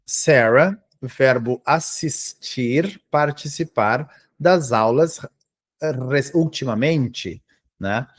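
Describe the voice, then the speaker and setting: A man's voice: medium pitch, drawn-out words. A man teaching English grammar to Brazilian students, explaining step by step and checking in with the class after almost every phrase. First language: Portuguese. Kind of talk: grammar lesson for exam prep.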